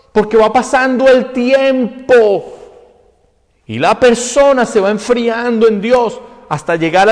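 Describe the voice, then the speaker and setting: A man preaching a sermon as pastor, swinging from loud, high outbursts to hushed, low tones. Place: church sanctuary. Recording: long church hall reverb.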